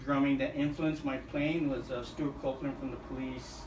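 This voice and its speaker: A man from Oahu, Hawaii, a drummer answering interview questions in an easygoing way with many pauses. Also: medium pitch, fairly even intonation. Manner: easygoing, hesitant with many uhs. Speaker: guest, drummer. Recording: roomy far-off mic with faint noise.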